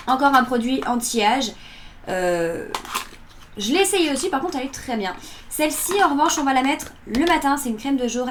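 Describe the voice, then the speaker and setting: A woman in her early twenties chatting informally as she presents beauty products in a casual vlog review. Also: high-pitched. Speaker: beauty box unboxing vlogger. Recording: electric fan noise in background. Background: whirring electric fan.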